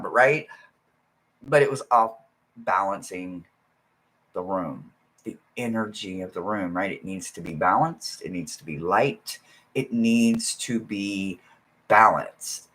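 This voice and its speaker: A man, a spiritual card reader, talking casually to his viewers in a rambling way, often adding "right?" and swinging from soft murmurs to loud bursts. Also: medium pitch. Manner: rambling, keeps asking "right?". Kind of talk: casual spiritual livestream talk.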